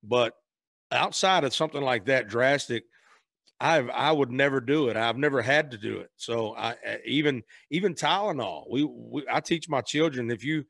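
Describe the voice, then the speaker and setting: Man guest, earnest and halting, mid-pitched, dry close mic. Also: creaky, fairly bright tone, no echo. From Memphis, Tennessee, raised in Arkansas. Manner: earnest, restarts sentences, faith-driven. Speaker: guest, singer. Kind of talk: casual conversation.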